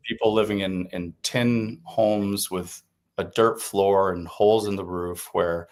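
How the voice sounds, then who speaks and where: A Puerto Rican man whose first language is Spanish reflects as a guest in a conversational podcast interview. His voice is low, steady and a little mellow, and he speaks unhurriedly, often restarting sentences and using fillers.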